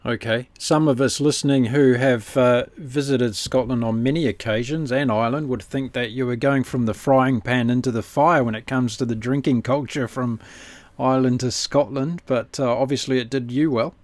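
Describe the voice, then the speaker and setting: A man's voice: mid-range voice, steady tone, moderate pace, dry recording. A man hosting a conversational interview, putting questions to a guest. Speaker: interview host.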